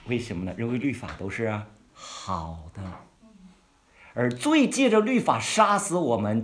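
A man giving a conversational Bible-study sermon. He asks his listeners questions and draws out key words slowly for emphasis. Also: fairly low pitch, a bit bright, slight background noise. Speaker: pastor or Bible teacher.

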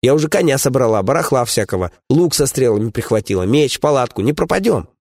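A man's voice: mid-range voice, expressive, quick pace, a little mellow, no echo, clean studio sound, pitched above the performer's own voice. A man voicing a fierce, cocky young woman warrior, spirited and scornful.

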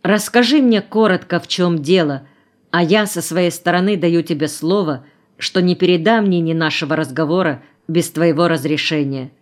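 Woman reading a calm, stern grown man. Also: lowish voice, natural voice. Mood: calm firm. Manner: calm, measured, authoritative. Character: stern composed grown man, an officer type.

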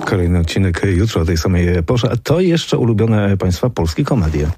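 A male radio announcer in a studio presenting the upcoming programme, relaxed and informal. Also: low-pitched, moderate pace, loud music behind the voice.

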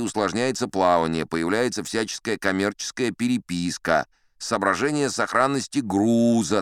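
Captain Vrungel, boastful old sea dog. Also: male voice, on the low side, a bit bright, clean tone, dry recording, studio quality. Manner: chatty, sly, addresses listeners with "знаете". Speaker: first-person narrator of an audio play. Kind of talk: theatrical storytelling, audio play.

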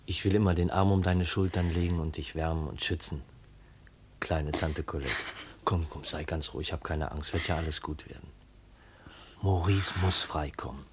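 A gentle young man comforting a woman in a 1950s radio play. His voice is deep, soft and soothing, with faint hiss in the recording. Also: steady tone, normal speed. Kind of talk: 1950s radio drama acting.

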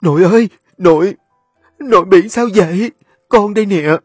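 Storybook: alarmed young lady of the house, voiced by a man, hurried and high. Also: slightly rough, dry recording, faint music behind. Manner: hurried, stammering. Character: young noblewoman, startled and anxious.

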